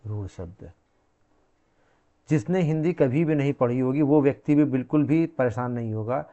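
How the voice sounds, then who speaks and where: Male teacher, lecture style, repeats and quizzes the class; warm dark tone. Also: mid-range voice, normal speed, dull audio. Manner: repeats key words, quizzing the class with questions.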